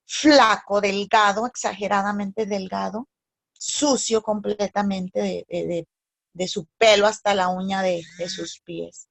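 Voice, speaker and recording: A woman telling a personal story in a talk on addiction, pausing often between phrases. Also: mid-range voice, creaky, no echo. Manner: halting storyteller with pauses. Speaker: speaker on addictions.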